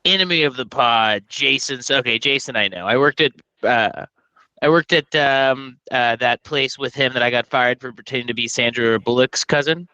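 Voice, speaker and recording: A man from Texas co-hosting a podcast, telling animated, profane, jokey stories in casual chat. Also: medium pitch, moderate pace, dry recording, dull audio. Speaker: podcast co-host.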